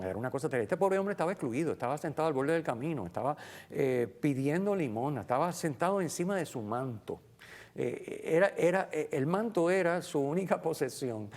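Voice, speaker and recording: A man reflecting on the Sunday gospel in a relaxed conversational way, with many fillers and acted-out quotes. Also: on the high side, a little fast. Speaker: guest commentator on the Sunday gospel. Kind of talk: casual Bible reflection.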